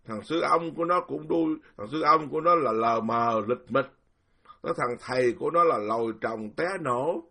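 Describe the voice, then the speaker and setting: Gravelly older monk, Southern Vietnamese accent. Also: male voice, mid-range voice, moderate pace, bright, forceful tone. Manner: indignant, rambling, repeats words, laughs. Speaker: Buddhist monk. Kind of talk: casual spoken dharma talk.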